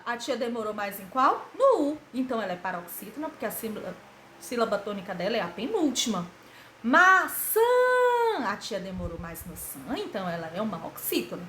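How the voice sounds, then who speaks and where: Lively woman teaching grammar. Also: fairly high pitch, echoey room, a little hiss or hum. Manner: didactic, asks and answers her own questions, stretches syllables for emphasis. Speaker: schoolteacher. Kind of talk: grammar lesson for children.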